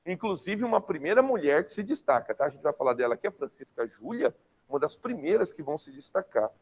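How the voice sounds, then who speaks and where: Speaking at a quick pace with a breathy edge, this young man has a fairly high voice and a Brazilian Portuguese accent. He leads an online class in a lively, slangy way and keeps checking in with his students.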